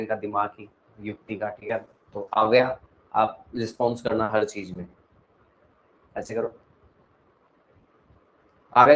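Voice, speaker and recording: A young man with a north Indian Hindi accent teaching an online class, teasing and scolding his students between explanations, swinging between loud and soft. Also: medium pitch, highs cut off. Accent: Hindi-speaking north Indian.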